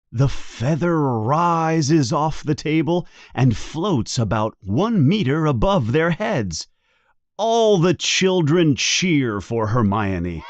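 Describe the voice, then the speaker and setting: Slow, lively storybook narrator, a man. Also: on the high side, no echo. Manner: expressive, unhurried. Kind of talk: storybook read-aloud.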